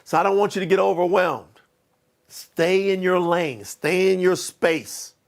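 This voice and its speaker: Male motivational coach; emphatic, repetitive delivery, raspy fry in the voice. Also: sits high, a little slow. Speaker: life coach. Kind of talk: motivational training talk.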